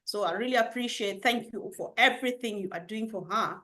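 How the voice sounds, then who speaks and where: A woman's voice: medium pitch, a little fast, pushed and bright. A woman hosting a webinar on a video call, earnestly giving thanks and repeating herself. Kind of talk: heartfelt thanks.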